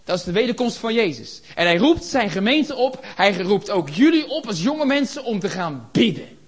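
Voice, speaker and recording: A man preaching a sermon in a church, impassioned, building to shouts and rhetorical questions. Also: high-pitched, sing-song, normal speed, slightly rough.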